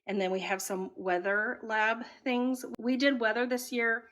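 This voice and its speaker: A woman's voice: fairly high pitch, unhurried. A middle-aged woman who grew up in Taiwan, a homeschooling mother casually chatting as she shows her home. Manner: relaxed, chatty, matter-of-fact. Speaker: homeschooling mother and channel host. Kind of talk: casual home tour vlog. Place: at home, indoors.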